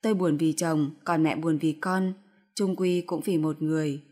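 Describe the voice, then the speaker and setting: Woman, storyteller, low voice, steady expressive narration. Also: normal speed.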